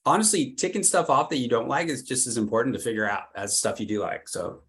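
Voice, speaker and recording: A man's voice: medium pitch, very animated, quick pace, fairly bright tone, breathy edge. A middle-aged man giving a casual career workshop, chatty and loose, with lots of "like" fillers and repeated words. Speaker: workshop presenter, consultant.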